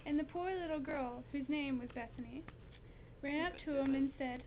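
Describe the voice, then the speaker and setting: A high-voiced young woman improvises a silly story with a friend, laughing as she goes. The audio is thin and phone-like. A faint hiss sits underneath. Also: normal speed. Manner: giggly, playful, trading lines.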